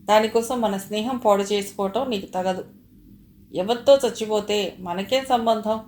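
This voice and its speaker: A woman's voice: medium pitch, normal speed, a little mellow, a little hiss or hum, lightly acted. A woman reading aloud, voicing a confused man who pleads and defends himself, recorded with a roomy echo. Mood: pleading.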